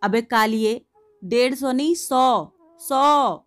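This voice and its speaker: A woman voicing a short-tempered male village schoolmaster who scolds and shouts abuse at a pupil. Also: sits high, very slow. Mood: angry scolding.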